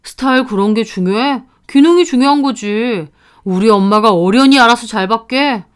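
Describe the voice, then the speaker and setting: A touchy young fiancé who bristles at criticism and flares into shouting when pushed, played by a woman in a higher register. His delivery stays smooth and clear even when angry. He comes across as defensive and short-fused throughout. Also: normal speed, close to an everyday voice. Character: young adult male fiancé, touchy, quick-tempered.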